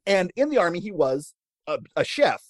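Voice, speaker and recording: Guy telling history stories deadpan, bouncy voice, dry close mic. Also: sits high, moderate pace, no echo. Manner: wry, deadpan jokes, laughs at own lines. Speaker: podcast co-host telling history. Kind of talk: casual chat.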